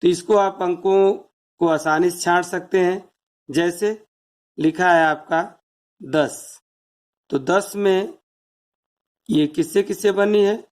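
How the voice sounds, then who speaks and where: Slow, patient teacher explaining math. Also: medium pitch. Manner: counts out place values one by one and asks rhetorical questions. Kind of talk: step-by-step classroom explanation.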